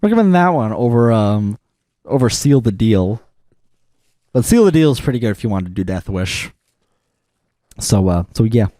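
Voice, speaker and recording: Male podcast co-host, warm mellow tone, dry close mic, rambling chatter full of "like" and "um". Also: fairly low pitch, big pitch swings, normal speed, pauses often, no room sound. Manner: rambling, frequent fillers and restarts. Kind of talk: casual chat.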